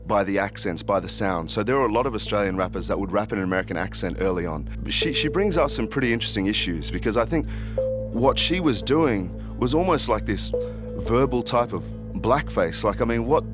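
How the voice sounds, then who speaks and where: A man's voice: fairly low pitch, lively intonation, brisk. A man giving thoughtful, slightly hesitant commentary in an interview. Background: music.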